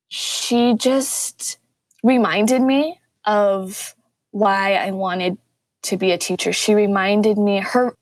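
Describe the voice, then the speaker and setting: A young woman talks casually as a guest on a podcast about teaching. She tells stories with lively energy and often jumps up in pitch to act out what people said. The sound is dry and close. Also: no room sound. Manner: animated storytelling, acts out quotes with pitch jumps. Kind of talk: casual interview talk.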